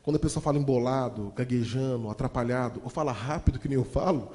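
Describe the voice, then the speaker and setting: A man, telling a humorous story to an audience in an animated, fast-talking way. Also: mid-range voice. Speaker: motivational storyteller. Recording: long hall reverb.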